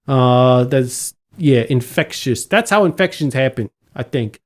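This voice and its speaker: A man hosting a podcast, talking in a halting, meandering way in casual chat. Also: medium pitch, expressive. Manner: halting, meandering, with many fillers. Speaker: podcast host.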